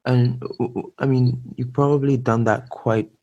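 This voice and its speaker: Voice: mid-range voice, fairly even intonation, normal speed, a little mellow, muffled recording. A podcast host asking questions in a hesitant, conversational way, often restarting sentences. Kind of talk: conversational interview.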